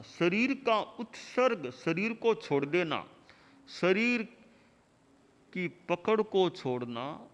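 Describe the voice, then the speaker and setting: Guy giving a sermon, slow and a bit high, lots of hall echo, short repeated phrases. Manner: measured, rhythmic lists of short phrases. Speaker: spiritual teacher. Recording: long hall reverb.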